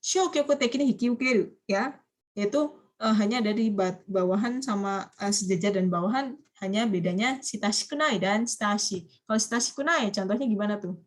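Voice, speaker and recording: A woman's voice: mid-range voice, fairly quick. Woman teaching japanese online, starts phrases and lets students finish them. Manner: coaxing students to complete phrases. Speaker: Japanese language lecturer. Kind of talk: online university class.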